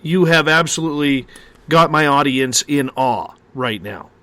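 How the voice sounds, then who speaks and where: A man's voice: fairly high pitch, measured pace, sharp tone, dry recording. A man hosting a casual interview, speaking in an informal, effusive way. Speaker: show host.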